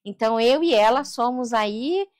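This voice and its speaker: A woman's voice: a little high, lively intonation, normal speed. A woman with a Brazilian Portuguese accent, a therapist and coach telling her life story as an interview guest, earnest and faith-driven, often adding "né". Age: adult daughter of a seventy-year-old mother. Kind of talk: emotional personal storytelling.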